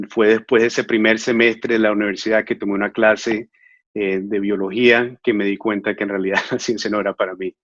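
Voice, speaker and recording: Answering an interviewer's questions, this Venezuelan immigration lawyer in his thirties sounds earnest and measured, often slipping in fillers. His voice sits fairly low with a bit of brightness, and the sound is lo-fi but free of echo.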